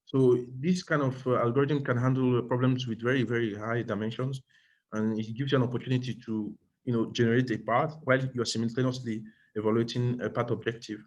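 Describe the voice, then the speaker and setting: A man giving an academic thesis defense presentation as a doctoral candidate, speaking in a hesitant, halting way and often repeating and rephrasing himself. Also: medium pitch, steady tone, lo-fi sound.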